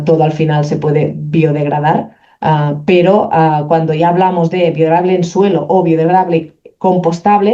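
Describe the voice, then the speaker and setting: A speaker giving a technical presentation for a company, explaining carefully while often pausing to search for words. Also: mid-range voice, mellow. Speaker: company representative presenting a product. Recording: dull lo-fi recording.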